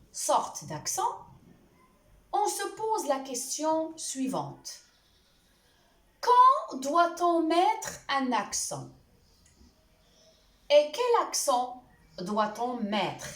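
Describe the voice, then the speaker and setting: A woman teacher giving a spelling lesson, deliberately spelling out letters and examples one by one. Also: high voice, very animated, fairly bright tone. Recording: echoey room, voice a little far from the mic.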